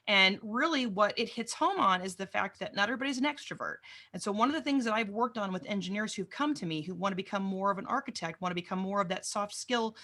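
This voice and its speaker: A woman talking as a podcast guest, jokey and enthusiastic. She speaks quickly, and her voice is bright and forceful. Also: medium pitch. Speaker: podcast guest, cloud advocate. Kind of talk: conversational interview.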